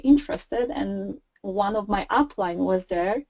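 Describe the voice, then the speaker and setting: A woman's voice: medium pitch, a little slow, a little mellow, no echo, poor audio. A woman in her thirties from Poland with a Polish accent, a non-native speaker of English, chatting as a guest on a remote call in a friendly way. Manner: friendly, laughs easily, slightly non-native phrasing. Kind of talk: casual interview chat.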